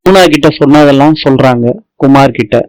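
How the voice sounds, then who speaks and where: A man's voice: mid-range voice, brisk, a little mellow, dry recording, low-quality recording. Man reading a serial recap, dry. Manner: reads every character's lines in one plain voice.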